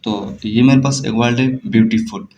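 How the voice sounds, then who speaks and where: A man teaching a grammar lesson at a slow, deliberate pace, going back over each key term. His voice sits at an ordinary middle pitch. A faint hiss runs underneath the recording. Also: fairly even intonation, darkish tone. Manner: slow, explanatory, repeats key terms.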